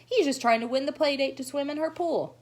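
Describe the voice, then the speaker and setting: A woman's voice: high voice, a little fast, voice pushed up, lightly acted. A know-it-all little girl from a storybook, scolding in a raised, pushy voice, as a woman acts her out. She states everything as fact. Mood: bossy. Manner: scolding, sharp.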